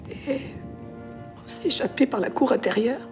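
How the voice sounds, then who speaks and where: Woman, actress playing a young mother, emotional, halting, fairly high voice. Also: over music, lightly acted. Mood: shaken. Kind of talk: period TV drama acting.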